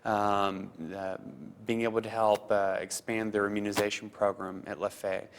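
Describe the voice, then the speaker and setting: A man in his thirties who grew up in Costa Rica works as a foundation program officer and answers interview questions earnestly, halting with fillers and repeats. His voice is lowish, level in tone, and smooth.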